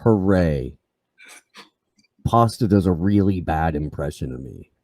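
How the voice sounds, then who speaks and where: A man with a gruff, scruffy voice co-hosting a casual live stream, rambling and swearing, full of fillers and restarts. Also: low-pitched, expressive, measured pace, darkish tone, no echo. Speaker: podcast co-host.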